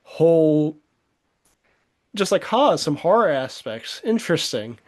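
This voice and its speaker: A man's voice: fairly high pitch, very animated, takes it slowly. A man chatting casually as co-host, rambling with many fillers and frequent laughs. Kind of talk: casual chat.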